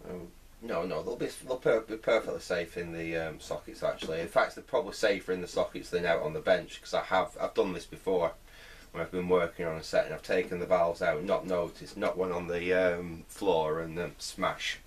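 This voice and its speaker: This presenter, a middle-aged man restoring vintage radios, speaks a little fast in a deep, steady voice. He offers loose, hands-on commentary at his indoor workbench, hesitating as he thinks out loud.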